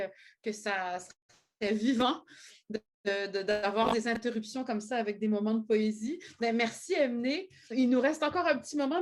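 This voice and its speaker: A woman hosting an online panel, musing and restarting her sentences. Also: a little high. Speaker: host.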